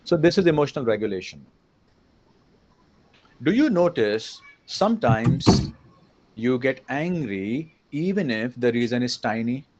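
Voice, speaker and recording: A man's voice: mid-range voice, big pitch swings, unhurried, pauses often, darkish tone, slight background noise. Indian male teacher lecturing a class. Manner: conversational, questioning the class, mixes in Hindi. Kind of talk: interactive lecture. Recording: dull lo-fi recording.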